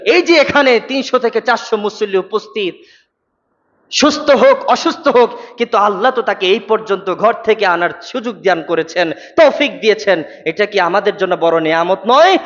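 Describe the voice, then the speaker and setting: A man's voice: high voice, animated, moderate pace, a bit bright. A man preaching a Friday sermon to a mosque congregation, speaking with passion, rising to emphatic peaks and throwing rhetorical questions at his listeners. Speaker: mufti preacher. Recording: echoey hall, dull lo-fi sound.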